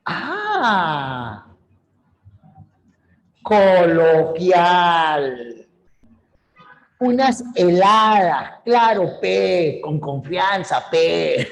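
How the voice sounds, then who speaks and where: A man's voice: high-pitched, sing-song, slow, gravelly. A man teaching a language class online, explaining terms and talking straight to his students. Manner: explanatory, acts out examples, addresses students directly.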